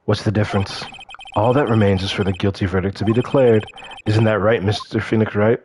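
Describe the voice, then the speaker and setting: A man doing a cold, haughty old prosecutor, low. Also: steady tone, a little fast, a little mellow, slight background noise, natural voice. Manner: haughty, clipped, commanding. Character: stern older male prosecutor, arrogant and cold.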